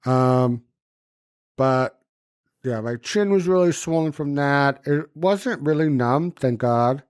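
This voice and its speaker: A man's voice: medium pitch, expressive, slow, a little mellow, clear, resonant tone, no room sound. Casual male podcaster with swollen lip and splinted mouth, muffled diction, informal and sweary, dry recording. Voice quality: impeded, muffled articulation from a swollen numb lip and dental splints. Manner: loose, informal, frequent cursing. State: puffy swollen lip and banded jaw after surgery. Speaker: podcast host. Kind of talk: casual chat, recounting a personal experience.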